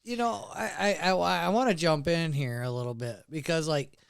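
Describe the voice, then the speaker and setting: Man, thirties, podcast co-host, gravelly yet smooth voice, a bit high, dry sound, casual chat. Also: moderate pace, no room sound. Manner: chiming in with his own story, some repeated starts.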